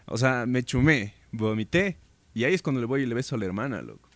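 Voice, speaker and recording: A man telling a halting, slangy anecdote in a casual podcast chat. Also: medium pitch, expressive, a bit bright, dry recording. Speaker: podcast co-host.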